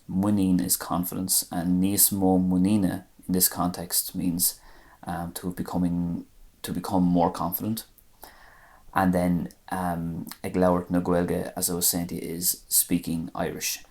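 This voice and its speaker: A man's voice: low-pitched, a little mellow. A man teaching a language lesson, patiently repeating each phrase and breaking it down word by word.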